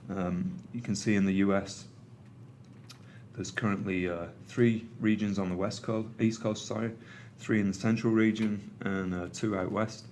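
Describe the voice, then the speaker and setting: At a conference, a middle-aged man from England with a Manchester accent talks through a technical topic to a meeting room audience in a conversational way, peppered with ums and uhs. He speaks at a moderate pace in a low-leaning, darkish voice with fairly even intonation, and faint hiss or hum is audible.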